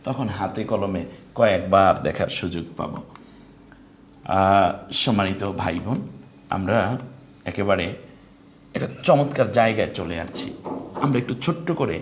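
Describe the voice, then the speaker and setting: A man with a Bangladeshi Bengali accent teaching Quran recitation in a live online lesson, explaining patiently and drawing out example words. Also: low voice. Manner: explains slowly, then draws out sung example words. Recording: echoey room with faint noise.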